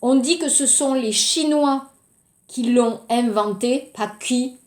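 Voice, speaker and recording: A woman teaching French in a recorded lesson, going slowly and explaining word by word. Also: sits high, reverberant.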